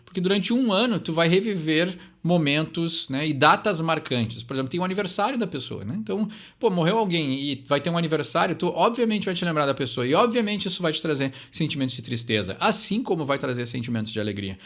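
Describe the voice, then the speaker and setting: Expressive and a bit bright, this young Brazilian host's voice leans high. In his Brazilian Portuguese accent he talks through song lyrics casually and chattily, filling pauses with "né?" and slowing down to read the English lines.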